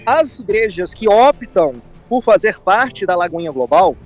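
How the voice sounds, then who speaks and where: Speaking at a measured pace over faint background music, this man has a high, expressive voice and a Brazilian accent. As a pastor being interviewed, he offers explanatory commentary, goes over the same points again, and often uses tag questions to draw agreement.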